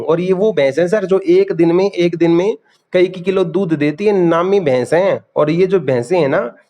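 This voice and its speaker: In an online class lecture, a male teacher calls his students "beta," drills key terms, and quizzes them for quick answers. His voice is high-pitched with a darkish tone.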